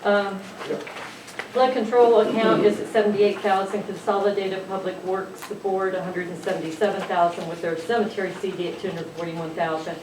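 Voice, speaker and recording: A woman's voice: mid-range voice, steady tone. A woman finance officer reading a council financial report, hurrying through the numbers with fillers. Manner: rushed, reeling off figures with fillers. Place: council chamber. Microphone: distant room mic. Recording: echoey chamber, distant mic, noise.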